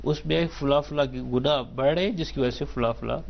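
Male scholar guest, steady lecturing delivery, builds his case with examples, somewhat muffled audio. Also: mid-range voice, gravelly. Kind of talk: explanatory talk on a studio show.

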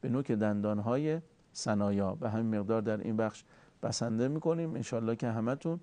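A man giving a formal recitation lesson, courteous and deliberate, slowly drawing out sounds to show how they are made. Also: fairly low pitch, dark tone, no echo. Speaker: Quran recitation teacher.

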